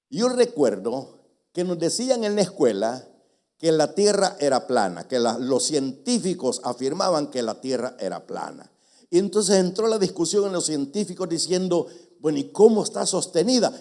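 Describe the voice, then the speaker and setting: An older man from El Salvador preaching in church with a mellow, warm tone. He teaches patiently, spells out words letter by letter and teases the congregation. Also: mid-range voice. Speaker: pastor. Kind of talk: sermon.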